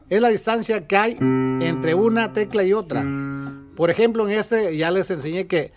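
A man giving a patient, repetitive beginner keyboard lesson, counting out intervals step by step. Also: high voice. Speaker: keyboard teacher. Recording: instrument music clearly audible behind.

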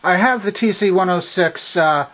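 The presenter of a vintage electronics repair video, an older man, walks through a hands-on repair at his indoor workbench in a casual, unscripted, methodical manner. He has a high, slightly bright voice and talks at a normal speed.

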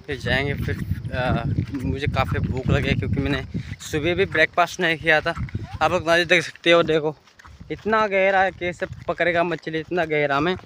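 A young man vlogs on a phone held at arm's length, chatting casually and speaking straight to viewers, first outdoors by a river and then inside a hut. His voice is on the high side with flat delivery at a moderate pace, against a noisy background.

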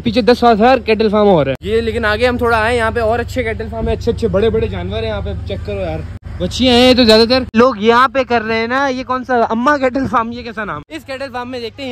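A man's voice: very high voice, fast. A man vlogging at an outdoor cattle market, joking and teasing the people he meets. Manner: joking, teasing, chatty with strangers. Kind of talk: casual vlog at a cattle market.

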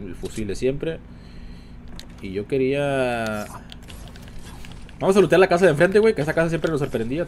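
A man with a Mexican Spanish accent giving casual, chatty commentary while streaming a game, talking to his viewers all the time and jumping into high-pitched exclamations. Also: a little hiss or hum. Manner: chatty, addresses viewers constantly. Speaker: gaming streamer.

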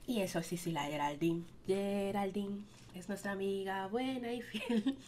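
A woman's voice: medium pitch, a little slow, a little mellow, a little hiss or hum. A young woman telling a casual storytime monologue in a chatty, rambling way full of fillers. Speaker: vlogger.

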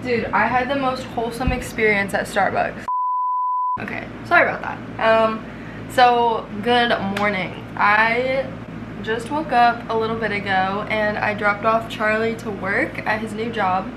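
A vlogger in her twenties chats about her everyday makeup routine in a small bedroom with a bathroom doorway, speaking to a camera at arm's length. Her fairly high voice moves at a measured pace, relaxed and chatty with lots of "like" and "um." The mic is distant and the background noisy.

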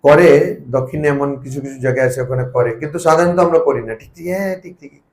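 A man's voice: a little high, very fast, a little mellow, reverberant, rough recording. A monk giving an informal, humorous spiritual talk to a small group, often asking his listeners questions. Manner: humorous, joking asides. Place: study circle meeting room.

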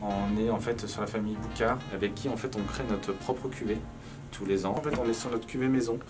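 Here the Charente-born head sommelier, in his thirties, talks fairly quickly over music in a lowish voice with fairly even intonation. He's showing visitors around an indoor stone wine cellar, chatting casually and leaning on fillers like "en fait."

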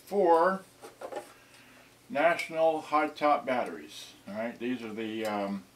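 In a small indoor room, a man in his sixties who vlogs vintage electronics unboxings mutters haltingly to himself while handling items for a nearby camera. His voice is mid-range, with background noise present.

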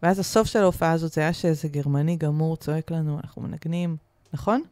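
A woman, a musician guest on a podcast, telling tour stories in casual chat, animated and laughing often, with some swearing, recorded in a studio. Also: sits low, dry recording.

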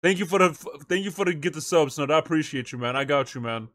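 An animated man with a fairly high, slightly bright voice speaks quickly. During a live stream he reacts to a video, reads things out into a close microphone, and talks slangily with his audience, using "bro" and "chat" often.

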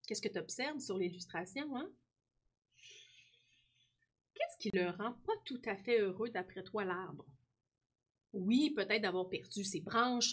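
A woman's voice: mid-range voice, husky. A woman teacher, reading aloud and talking children through a story, full of tag questions.

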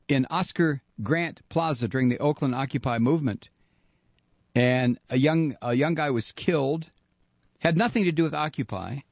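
A man's voice: a little high, no echo. A man hosting a political radio talk show, delivering a sarcastic, indignant monologue.

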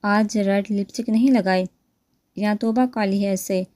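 A woman's voice: medium pitch, steady tone, mellow, no room sound, lightly acted. A woman voicing a rude young man who mocks and teases, read in a plain storytelling voice. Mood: teasing. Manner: mocking, teasing.

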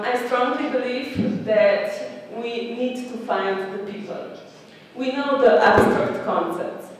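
Woman panelist, slow and emphatic, far-off table mic in a big echoey hall. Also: on the high side. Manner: emphatic, repetitive calls to action. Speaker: panel speaker. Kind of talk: conference talk. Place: large conference hall, seated at a panel table.

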